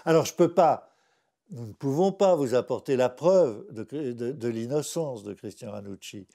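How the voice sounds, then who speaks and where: Insistent male writer in interview, gravelly and dark, hammers points home. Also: medium pitch, moderate pace. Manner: insistent, repeats points for emphasis. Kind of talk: documentary interview.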